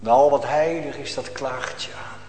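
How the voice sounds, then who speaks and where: A man preaching a sermon as pastor, swinging between loud declaiming and hushed near-whispers. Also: mid-range voice, normal speed. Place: church. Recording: echoey church hall.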